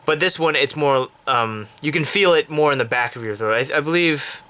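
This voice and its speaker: A man's voice: a little high, moderate pace, pushed and bright. A man hosting an unscripted beatbox tutorial, explaining in a rambling, casual way full of fillers and restarts.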